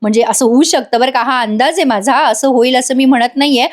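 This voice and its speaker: Woman doing a voice-over recap of a soap, chatty, high voice, talks to the viewers. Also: brisk. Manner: chatty, addresses viewers directly. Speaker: tv serial reviewer.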